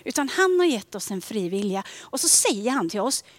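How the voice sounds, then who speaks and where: Soft-spoken woman preaching, dry sound. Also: fairly high pitch, sing-song, no echo. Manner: gentle, drops to soft near-whispers on key questions. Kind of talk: sermon.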